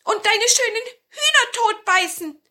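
A woman voicing a tiny, eager male dwarf in a fairy tale, squeaky and stammering in a hurry. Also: animated, measured pace, pushed and bright, heavily acted. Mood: urgent.

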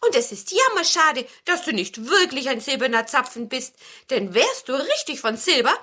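A woman's voice: high-pitched, big pitch swings, moderate pace, pitched above the performer's own voice, full character voice. Woman playing a kind little forest dwarf. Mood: kindly. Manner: gentle, reassuring. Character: kindly little male forest dwarf, wise.

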